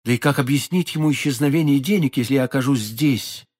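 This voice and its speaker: A man voicing a devoted young woman in an audiobook, hushed, pleading and fearful. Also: mid-range voice, fast, lightly acted. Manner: hushed, pleading, often whispered.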